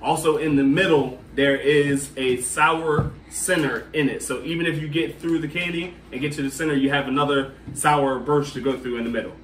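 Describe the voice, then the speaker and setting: This candy-challenge host speaks at a moderate pace with a fairly high, fairly even voice and barely pauses, addressing the group as "y'all" and "guys" while he counts down and explains the rules in a casual way. Background noise and a distant mic fill out the echoey room.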